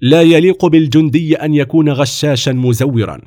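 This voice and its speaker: Brief: man doing a stern officer in a children's story, loud firm orders. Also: on the high side, sing-song, a little fast, voice pushed up. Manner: stern, commanding. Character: stern male army officer, firm and mocking.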